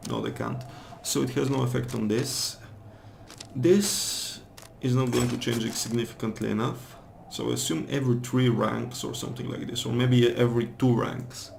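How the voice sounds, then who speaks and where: A man's voice: medium pitch, steady tone, moderate pace, creaky, darkish tone, a little hiss or hum. A man casually commenting as he plays a game, thinking aloud about his choices. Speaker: let's play host. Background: game music.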